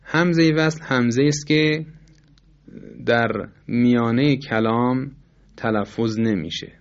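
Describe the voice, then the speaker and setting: A man's voice: mid-range voice, lo-fi sound. A man teaching Quran recitation rules in a formal, patient lesson, politely repeating and explaining with examples.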